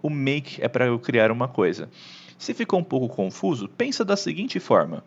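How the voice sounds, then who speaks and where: A man with a Brazilian Portuguese accent teaching an English lesson online, animated, often checking in with the listener. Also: mid-range voice, normal speed, muffled recording.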